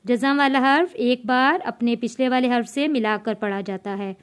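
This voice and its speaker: A woman teaching Quran reading in a slow step-by-step lesson, spelling out letters and vowel marks and then drawing out the joined syllables. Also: on the high side, clear, resonant tone.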